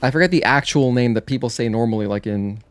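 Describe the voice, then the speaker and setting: With a medium-pitched voice, quick pace, and no room sound, a man streams himself playing a video game. His commentary is casual and rambling, punctuated by reactions and replies to viewers, against a backdrop of game music.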